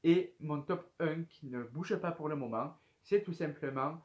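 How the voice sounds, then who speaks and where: This is a twenty-one-year-old man hosting a YouTube video, chatting casually to camera as he works through viewer questions with plenty of fillers and hesitation. His voice is slightly high and somewhat dark, with the highs cut off, and he keeps a measured pace.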